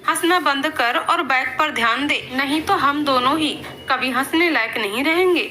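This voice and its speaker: A woman's voice: sits high, normal speed, bright, forceful tone, slight background noise. A woman reading a feisty young office woman. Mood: bantering. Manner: feisty, bantering.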